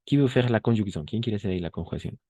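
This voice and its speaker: Low, mellow-voiced male teacher, patient and repetitive, dry close recording. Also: no room sound. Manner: patient, repeats French examples slowly, checks in with "¿no?" and "ujú". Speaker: French teacher. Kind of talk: online class explaining French grammar in Spanish.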